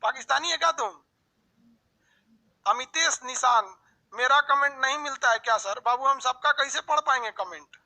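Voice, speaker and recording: A man teaching an online map lesson, drilling country lists in quick runs and joking with viewers' comments. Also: very high voice, sharp tone, rough recording. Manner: brisk drilling, calls students "babu", joking asides.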